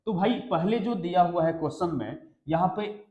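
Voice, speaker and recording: A high, mellow male voice at normal speed belongs to a maths teacher leading exam preparation. He explains each step in turn and often asks the class if they've understood, while the room adds echo.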